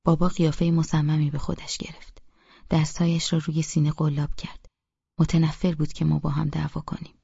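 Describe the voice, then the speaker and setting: A man with a gravelly, husky voice reading a novel in first-person narration. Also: fairly high pitch, no room sound, highs cut off. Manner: flat, even reading. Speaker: audiobook narrator.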